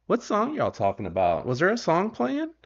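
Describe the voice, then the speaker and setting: A man's voice: high-pitched, huge pitch swings, moderate pace, gravelly. A man hosting a knife livestream in casual chat, rambling and correcting himself as he goes. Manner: rambling, self-correcting and easygoing. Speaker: knife channel host. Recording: dull lo-fi stream audio.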